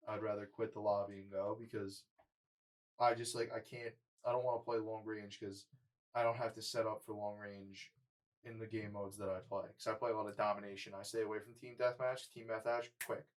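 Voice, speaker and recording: A man's voice: fairly low pitch, little pitch movement, fairly quick, rough recording. A man in his twenties co-hosting a podcast in casual chat, rambling, full of "like" and swearing. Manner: rambling, profane, lots of "like". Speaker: podcast co-host.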